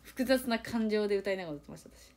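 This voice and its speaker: On her live stream, an idol group member, a young woman, talks fast in a mid-range voice. Animated and casual, she reads comments from viewers, opens up self-deprecatingly, and performs little quoted back-and-forths in changed voices.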